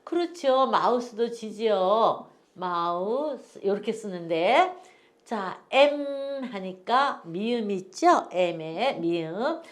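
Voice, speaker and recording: Patient woman teaching slow phonics. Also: mid-range voice. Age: older. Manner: patient, repeats words for learners to follow. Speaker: English teacher. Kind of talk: slow phonics lesson for older learners.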